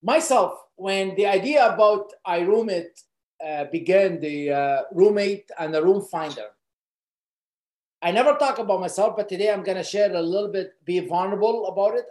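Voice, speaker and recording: A man's voice: high voice, moderate pace, a little mellow, reverberant. A man from Lebanon, co-founder of a company, speaking earnestly and personally, with frequent fillers and repeated words.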